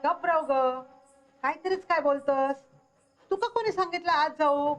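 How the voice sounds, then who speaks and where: An actress playing a weary mother in a TV drama, telling her quarrelling family to be quiet. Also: high-pitched, unhurried. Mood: scolding. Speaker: mother of the household. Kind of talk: TV drama acting.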